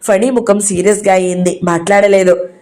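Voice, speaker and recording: A woman reading a novel aloud as narrator, with a steady storytelling delivery. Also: medium pitch, moderate pace.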